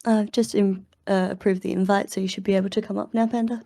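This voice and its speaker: Woman hosting a voice chat, gravelly morning voice, mellow, upbeat and chatty. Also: mid-range voice, little pitch movement, fast talker, no echo. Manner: upbeat, chatty, laughs often, lots of fillers. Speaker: community manager hosting an AMA. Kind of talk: casual live voice chat. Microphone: voice chat headset or computer mic.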